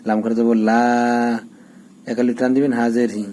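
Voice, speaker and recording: A man teaching recitation step by step, patiently spelling out each letter and vowel mark, then slowing into drawn-out chanting. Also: mid-range voice, level tone, mellow, slight background noise, low-quality recording.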